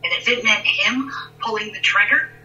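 A woman guest recounting a personal story in conversation, halting and intense, often repeating words. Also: medium pitch, pushed and bright, far from the mic, muffled recording, a little hiss or hum.

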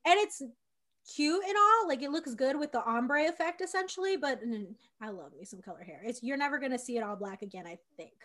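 Bright, bubbly podcaster woman in her 20s. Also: high-pitched, animated, a little fast. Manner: effusive, swears casually. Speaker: podcast co-host. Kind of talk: casual chat.

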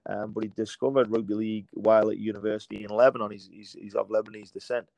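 A man in his late thirties from England, whose English accent carries a faint American edge, talks through his career as a rugby league coach. He rambles and restarts often, in a somewhat low voice. The recording is dry, with no room sound. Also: flat delivery, fast, creaky, a little mellow, no echo, rough recording. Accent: English with a slight American tinge. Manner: rambling, with many fillers and restarts. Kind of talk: relaxed storytelling interview answers.

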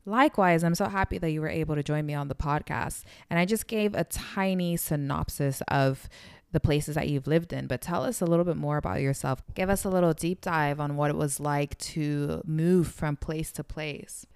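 A woman hosting a podcast, upbeat and quick with affirmations as she listens. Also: deep voice, clear, resonant tone, dry recording. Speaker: podcast host. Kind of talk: casual podcast interview. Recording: dry close sound.

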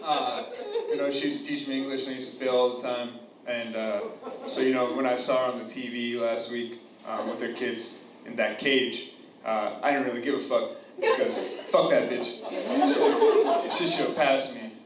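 A young man from New Jersey rambles through a crude stand-up set at an open mic, packing it with fillers and laughing at his own jokes. His mid-range voice keeps a steady tone at normal speed. He's picked up far from the mic in an echoey comedy club room with a live audience, under loud hiss.

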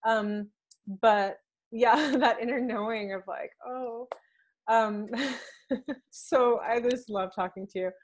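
Bright, higher-voiced woman host. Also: slow, a little hiss or hum. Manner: eager, affirming, laughs often. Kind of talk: casual spiritual interview chat.

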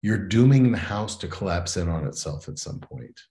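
Man, very low voice, earnest, reflective, educator guest on an interview show. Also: expressive, normal speed, mellow. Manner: earnest and reflective, often adds "right?". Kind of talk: interview conversation.

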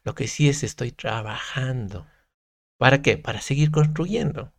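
A man speaking as a guest on a podcast, his voice gravelly with a low vocal fry. He talks earnestly and reflectively, leaning hard on his points as he works through his thoughts. The recording is dry and close, with no room sound. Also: a little slow, no room sound. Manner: earnest, reflective, emphatic storytelling with restarts. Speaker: podcast guest, content creator. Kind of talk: casual podcast conversation.

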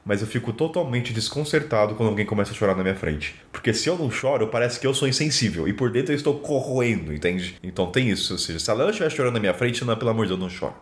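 A man's voice: lowish voice, expressive, echoey room. A man hosting a casual podcast chat, joking and self-mocking as he steers the conversation. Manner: joking, fast-talking. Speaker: podcast host.

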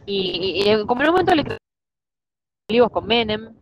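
A woman's voice: mid-range voice, moderate pace, a little hiss or hum. A woman with a Rioplatense accent, chatting casually as a podcast co-host and retelling stories with acted-out quotes and slang. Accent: Rioplatense Spanish. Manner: animated storyteller, acts out quotes, slangy. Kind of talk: casual chat. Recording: dull lo-fi sound.

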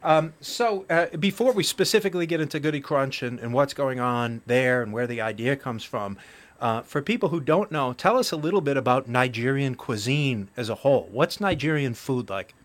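A man's voice: mid-range voice, normal speed. Chatty, self-mocking male podcast host. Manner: chatty, self-deprecating, repeats words. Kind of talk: casual interview.

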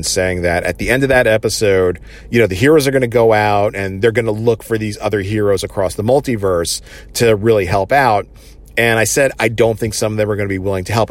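A man talks through a TV episode recap in a relaxed, unscripted way. His voice sits on the low side, and he rambles, leaning on "you know" and "uh" as he goes. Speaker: TV episode reviewer.

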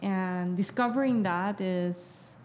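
A woman guest on a podcast, speaking reflectively and haltingly, repeating words as she thinks. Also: mid-range voice, darkish tone, a little hiss or hum. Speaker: podcast guest, business owner. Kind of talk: casual chat.

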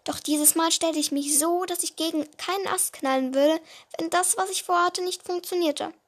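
A woman reading her own story aloud, halting and often restarting words. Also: very high-pitched, fairly even intonation. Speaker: storyteller of a podcast-style series.

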